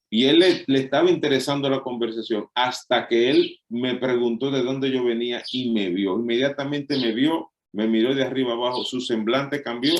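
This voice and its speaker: A middle-aged pastor from the Dominican Republic preaches a sermon conversationally in a Dominican accent, frequently restarting and filling gaps with "eh." His voice is medium-pitched, and the room is echoey.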